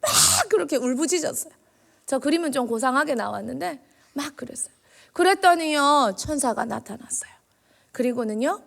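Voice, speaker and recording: In church, a children's minister gives an animated sermon and fires questions at the children. She has a fairly high, gravelly voice.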